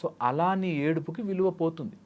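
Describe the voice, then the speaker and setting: A man's voice: on the high side, moderate pace, darkish tone, muffled recording. Male life coach in an interview, advising through homely examples with English phrases mixed in. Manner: explains with everyday examples, mixing English phrases. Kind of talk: interview answers.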